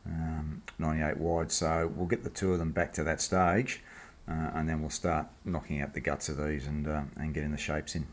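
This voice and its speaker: A man with an Australian accent talks in a low-pitched voice from his workshop. He explains the hands-on job casually, in an informal, blokey manner, as the host of a machining vlog. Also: little pitch movement, normal speed, few pauses. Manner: laid-back, blokey, informal. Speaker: host of a machining project video series. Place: home workshop.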